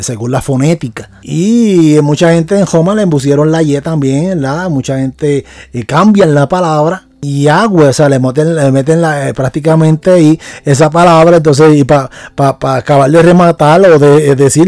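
A man with a somewhat high, mellow voice teaches scripture on a podcast, unscripted and full of hesitations and restarts. He often stops to check that his listeners agree. The sound is dry and close. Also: normal speed, hardly any pauses, no echo. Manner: keeps asking for agreement.

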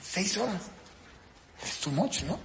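A man teaching a parenting course in a casual, lively lecture style. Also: slow pace, gravelly, echoey room, long reverb tail. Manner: lively, jumps up and down in pitch acting out parents and kids.

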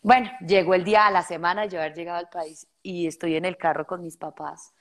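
With a lowish voice and a fast delivery, a young woman with a Colombian accent tells stories as a guest actress in an interview. Animated throughout, she performs the voices of other people as she goes.

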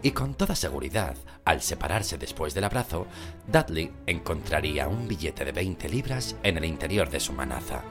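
A man reading a novel aloud as an audiobook narrator, with expressive storytelling. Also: very deep voice, normal speed. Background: background music.

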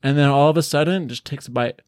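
A man's voice: a little high, fast talker, a little mellow, clean tone, no echo, studio quality. A man co-hosting a casual podcast, telling loose, profane stories over beers and acting out what people said. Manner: loose storytelling, swears, acts out quoted voices. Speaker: podcast co-host.

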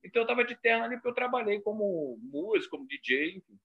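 A comedian from Rio de Janeiro with a carioca accent, telling stories in a casual chat and acting out voices. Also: male voice, very high-pitched, fast talker, vocal fry, husky, muffled recording. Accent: Rio de Janeiro Portuguese. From Rio de Janeiro, Brazil. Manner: animated, acts out voices in his stories. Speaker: comedian guest. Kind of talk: casual storytelling.

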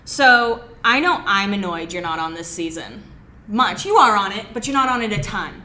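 A woman's voice: mid-range voice, animated, normal speed, sharp tone. A woman hosting a casual interview, asking questions in a conversational style. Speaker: interviewer, podcast host. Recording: faint background noise.

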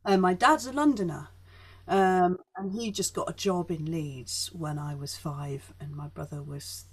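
A woman with a soft Yorkshire accent chats casually, emphatically, often breaking off and circling back mid-thought. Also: fairly low pitch, a little slow, slightly rough. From northern England (Yorkshire), born in Essex. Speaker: guest, performer. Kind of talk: casual conversation.

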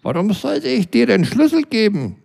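A man's voice: sits high, animated, a little slow, gravelly, a little mellow, pitched above the performer's own voice, full character voice. Man putting on a snippy gossipy neighbor woman. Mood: spöttisch. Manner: cheeky, teasing.

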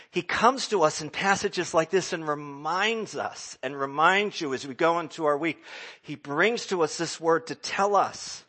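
A man preaching a sermon as a pastor, swinging from loud exclamations down to hushed whispers. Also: fairly high pitch.

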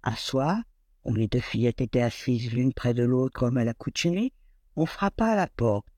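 A man reading a classic fairy tale aloud in an expressive, lilting storyteller manner. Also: medium pitch, normal speed, dry recording.

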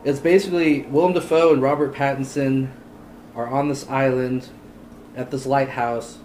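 A man hosting a casual movie podcast with friends, chatty and quick to laugh, often saying "like". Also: mid-range voice, steady tone, a little mellow, slight background noise. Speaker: podcast host. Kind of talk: casual chat about movies. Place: home garage. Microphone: handheld audio recorder.

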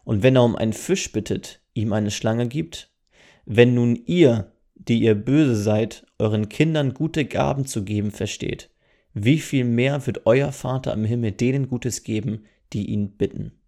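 Gravelly northern German preacher. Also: male voice, medium pitch, measured pace, dark tone. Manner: earnest, explains step by step with rhetorical questions. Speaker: preacher and podcast host. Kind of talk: podcast sermon.

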